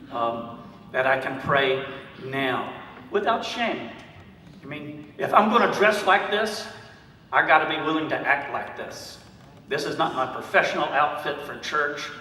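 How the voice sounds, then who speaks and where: A man's voice: a little high, pushed and bright, slight background noise. A man with a Southern US accent, a priest giving a conversational talk with humorous stories and frequent fillers. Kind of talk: conference talk with anecdotes. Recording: echoey hall, speaker far from mic.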